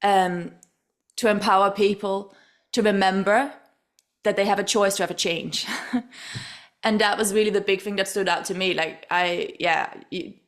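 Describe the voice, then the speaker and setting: A woman's voice: medium pitch, fairly even intonation, normal speed, long pauses. A woman from Denmark hosting a podcast interview, effusive and full of fillers and restarts. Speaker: podcast host. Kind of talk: warm interview chat.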